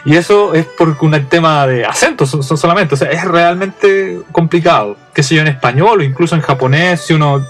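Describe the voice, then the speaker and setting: Chilean male host, young adult, a bit high-pitched, loose humorous storyteller. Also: moderate pace, hardly any pauses, soft background music. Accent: Chilean Spanish. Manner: chatty and humorous, frequent restarts and fillers. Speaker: podcast host. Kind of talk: casual storytelling monologue.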